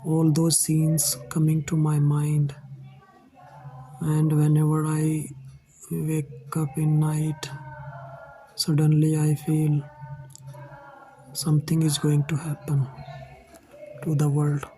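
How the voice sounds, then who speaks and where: A man from India with an Indian English accent, telling his own life story to his viewers in a halting, earnest way. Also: fairly high pitch, monotone, warm tone, a little hiss or hum, rough recording. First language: Hindi. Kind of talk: personal storytelling to camera.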